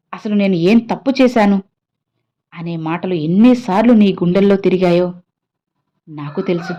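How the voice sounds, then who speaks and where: A compassionate old holy man, as a woman reads him out, speaks softly to a grieving devotee. His voice is mellow and warm. He pleads tenderly and keeps calling the listener his child. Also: medium pitch, dull audio, lightly acted. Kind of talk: devotional message voiced in first person.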